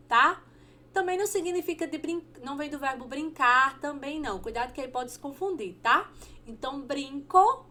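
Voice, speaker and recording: Professora brasileira de fala lenta. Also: female voice, high-pitched, a bit bright. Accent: Brazilian Portuguese. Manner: repeats words slowly, checks in with "tá?". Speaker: Spanish teacher. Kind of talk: online language lesson.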